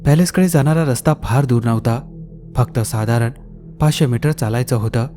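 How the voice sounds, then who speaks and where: A man's voice: medium pitch, normal speed, mellow, faint music behind. Man narrating a horror story.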